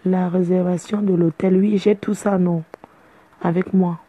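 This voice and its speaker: Woman social media personality, casual boastful chat to fans; dark, husky tone. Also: on the low side, steady tone, a little slow, poor audio. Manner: boastful, playful, chatty. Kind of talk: casual live video chat.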